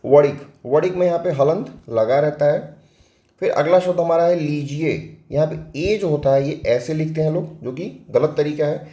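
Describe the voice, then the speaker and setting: A man with a Hindi accent teaching an exam-prep spelling lesson, his voice sitting a little high yet mellow. He walks through each word step by step, posing questions and answering them himself. The sound carries a roomy echo. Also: normal speed. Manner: explains step by step, asks and answers own questions.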